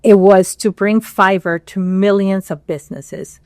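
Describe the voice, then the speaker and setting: A woman from Peru who moved to the US as a child, talking as a podcast guest in a measured way, pausing often with fillers. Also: mid-range voice, steady tone, darkish tone, dry recording, clean studio sound. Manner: measured, with frequent pauses and fillers. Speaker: podcast guest, regional director. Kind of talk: interview conversation.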